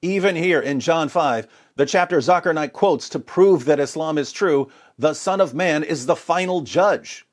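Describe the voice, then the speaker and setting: Reading scripture as part of polemical religious commentary, a man speaks emphatically, sarcastically and theatrically. His voice is on the high side, at normal speed with few pauses.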